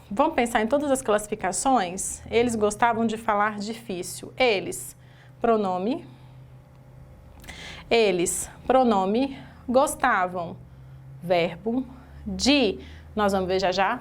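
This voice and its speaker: A woman with a Brazilian Portuguese accent teaching an exam-prep grammar lesson, going through a sentence word by word and putting rhetorical questions to the class. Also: a little high.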